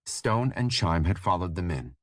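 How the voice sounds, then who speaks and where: Deep-voiced male audiobook narrator. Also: very animated, normal speed, dry recording, clean studio sound. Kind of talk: scripted fantasy narration.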